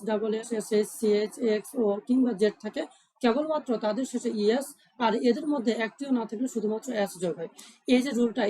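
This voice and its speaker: Female grammar tutor, quick delivery, mellow tone, faint hiss behind. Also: a little high, poor audio. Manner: asks questions and answers them herself, repeats key points. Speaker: English grammar teacher. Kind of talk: explaining grammar rules step by step.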